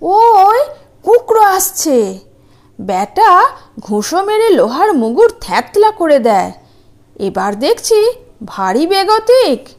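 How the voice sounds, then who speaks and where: A woman's voice: very high voice, very animated, slow pace, pauses often, voice pushed up, full character voice. A woman voicing a cowardly, anxious male giant in a children's story, fretful and exclaiming. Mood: panicked.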